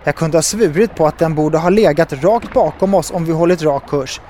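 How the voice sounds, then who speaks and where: A man's voice: fairly high pitch, slight background noise, close to an everyday voice. A man voicing a cheerful, decisive young woman who can fly, in a storybook reading. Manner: bright and decisive.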